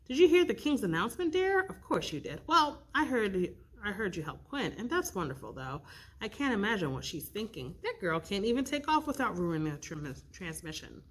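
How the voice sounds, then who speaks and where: A woman voicing a fussy, chatty older fairy godmother in a read-aloud space story, high and gushing. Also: big pitch swings, normal speed, slightly rough.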